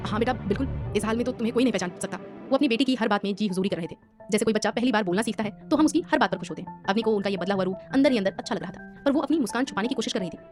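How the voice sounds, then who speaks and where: Fast-reading woman storyteller. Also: mid-range voice, expressive, a little mellow. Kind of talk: scripted story narration. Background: background music.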